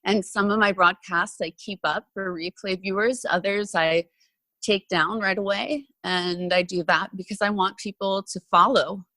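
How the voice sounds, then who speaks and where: A woman's voice: medium pitch, fairly even intonation, moderate pace, bright, forceful tone, dry recording. A woman, an actress and former reporter, talking openly as a podcast guest, with lots of "um" and "you know.". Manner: chatty and open, with frequent fillers. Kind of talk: casual interview conversation.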